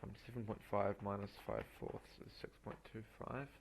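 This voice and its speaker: A man working through exam problems aloud as a tutor, halting and muttering through each step in an informal way. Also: lowish voice, fairly even intonation, creaky, slight background noise. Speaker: maths tutor. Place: voice-over on a screen recording.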